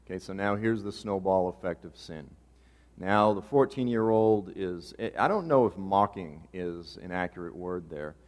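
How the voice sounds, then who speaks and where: Pastor with a low voice in a reverberant church. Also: male voice, moderate pace, darkish tone. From Boston area. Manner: casual, joking asides. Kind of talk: sermon. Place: church sanctuary.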